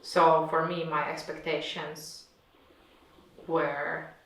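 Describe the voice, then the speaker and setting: A woman reflects on her work, her voice low and her pace unhurried. She stops often to find her words. The mic sits far off in a room that rings with echo. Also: level tone, a bit bright, slight background noise. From Finland. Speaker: visiting artist. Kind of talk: reflective conversation. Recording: echoey room, distant mic.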